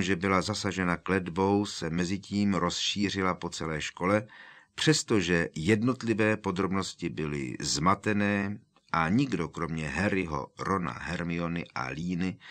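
Audiobook narrator, man, deep and steady. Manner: steady storytelling. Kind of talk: scripted narration.

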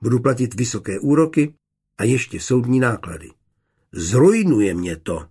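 A man voicing a bitter, proud middle-aged glassworks master deep in debt, in an audiobook. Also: sing-song, darkish tone, breathy edge.

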